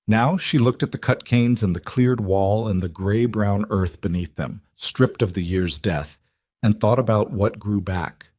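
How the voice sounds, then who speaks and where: A man giving measured, reflective scripted narration of a drama story. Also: on the low side, darkish tone, no room sound.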